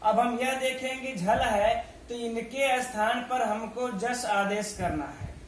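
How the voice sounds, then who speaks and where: A man giving a grammar lesson, reciting letters one by one and answering his own questions in a slow, methodical way. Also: very high voice, steady tone, a little hiss or hum. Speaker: Sanskrit grammar teacher. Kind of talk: online video lesson. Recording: echoey room.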